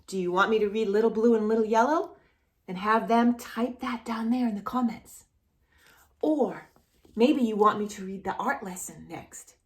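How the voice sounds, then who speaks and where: This woman hosts a children's storytime channel, her voice on the high side and her pace normal. She talks straight to young kids in a sing-song, encouraging way, tossing in lots of little questions.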